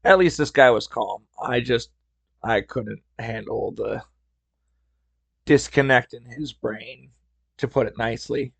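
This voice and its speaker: A man in his thirties tells workplace stories in a wry, easygoing way. His voice is gravelly and a little strained from overuse. It sits at an ordinary pitch and sounds dry and close, with no room sound. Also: measured pace, pauses often, no echo. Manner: wry, conversational, acts out customer dialogue. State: voice strained from talking a lot. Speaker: podcast host telling retail stories. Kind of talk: casual storytelling monologue.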